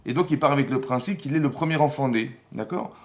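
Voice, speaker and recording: A man giving a lively Torah class as rabbi, asking the room rhetorical questions and acting out the dialogue he explains. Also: mid-range voice, fast talker. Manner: animated, acts out quoted dialogue, rhetorical questions. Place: Paris community hall.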